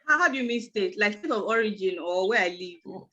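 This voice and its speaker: A woman's voice: mid-range voice, lively intonation, brisk, pushed and bright, lo-fi sound. A woman from Nigeria with a Nigerian accent, chatting casually as a panelist in an online meeting. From Nigeria, Osun State. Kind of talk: casual chat.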